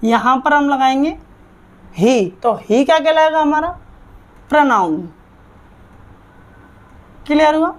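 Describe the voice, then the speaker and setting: High-pitched woman grammar teacher, repetitive call-and-answer drilling for an online class. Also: takes it slowly, long pauses. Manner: drills terms with repeated quiz questions.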